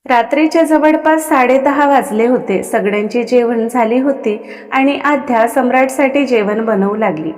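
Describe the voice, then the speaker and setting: A woman narrating a romance story in a steady, expressive reading voice. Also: a little high, moderate pace, big-room sound.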